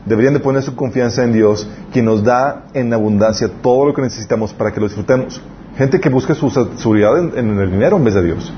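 A man's voice: medium pitch, fast talker. Man preaching a casual sermon. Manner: conversational, asks listeners to agree. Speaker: youth pastor. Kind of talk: casual sermon with scripture readings. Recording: slightly dull lo-fi recording with faint noise.

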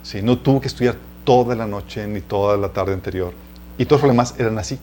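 A man's voice: on the low side, fast, a little mellow, a little hiss or hum. A man with a Mexican accent preaching a conversational teaching sermon to a live audience. He tells personal stories, laughs at his own tales, and keeps turning to the listeners with questions. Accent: Mexican Spanish. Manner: chatty, addresses listeners as "chicos", asks them questions. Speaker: preacher teaching a church series.

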